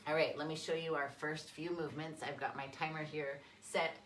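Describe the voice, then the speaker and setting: A woman's voice: deep voice, level tone, brisk. A middle-aged woman leading a live workout class, giving short, encouraging instructions as she exercises. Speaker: fitness coach leading a class. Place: large empty indoor room with high ceiling. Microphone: phone camera a few metres away. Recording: echoey room, far from mic, music behind.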